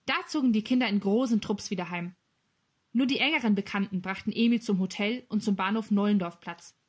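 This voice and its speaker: A woman narrating a children's novel as an audiobook, with clear, lively storytelling. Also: medium pitch, a little fast.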